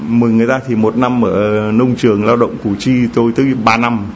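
A middle-aged man preaches in a church, telling stories and tossing questions to the congregation. His pitch sits in the middle for a man. The recording is dull and lo-fi, with a faint hum of the room behind him. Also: fairly quick. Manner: storytelling, lively, addresses congregation directly with questions. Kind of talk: sermon. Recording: dull low-fi sound with faint ambience.

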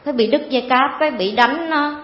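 Earnest woman, echoey hall. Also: high-pitched. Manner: rambling, earnest, fills pauses with "cái" and calls the priest "cha". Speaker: parishioner giving testimony. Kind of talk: emotional personal testimony. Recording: echoey, dull hall sound.

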